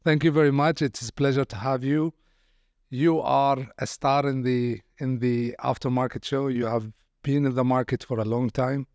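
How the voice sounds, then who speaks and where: A man's voice: mid-range voice, fairly even intonation, normal speed, a little mellow, no room sound. A man hosting a podcast interview, welcoming his guest and asking questions with some hesitant restarts. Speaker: podcast host.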